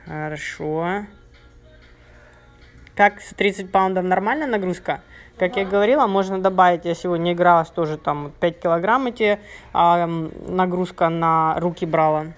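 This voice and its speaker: A woman's voice: on the low side, normal speed, soft background music. A woman fitness trainer coaching casually at home, giving short repeated encouraging cues and counting workout reps. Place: carpeted high-ceilinged living room at home. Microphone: handheld phone, sometimes covered by her hand.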